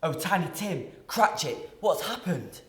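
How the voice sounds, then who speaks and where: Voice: medium pitch, very animated, measured pace, slight background noise. A teenage pupil playing Scrooge, a miserly, bitter and remorseful old man, with dramatic, anguished delivery in a radio play. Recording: roomy echo.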